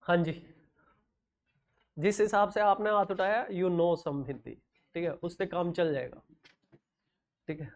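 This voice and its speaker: A middle-aged North Indian man whose first language is Hindi delivers a classroom lecture in a North Indian accent. His high-pitched voice keeps fairly even intonation, and he jokes, mixing English with quick Hindi asides.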